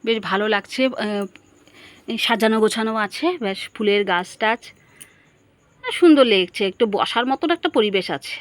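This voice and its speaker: A woman's voice: mid-range voice, normal speed, long pauses, no room sound. A woman narrating a casual family vlog, chatting straight to her viewers and asking them questions. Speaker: family vlogger.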